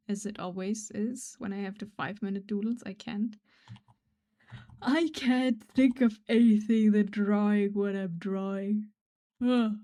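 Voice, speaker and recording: While drawing, a woman streamer chats casually in a rambling, self-deprecating way, often trailing off into quiet mumbles. German is her first language, and her voice is medium in pitch.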